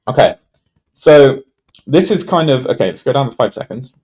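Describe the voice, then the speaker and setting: A man's voice: medium pitch, lively intonation, normal speed, darkish tone. A man talking casually through a chart trade review, thinking aloud with many fillers and restarts. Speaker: trading educator. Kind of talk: casual screen-share trade walkthrough.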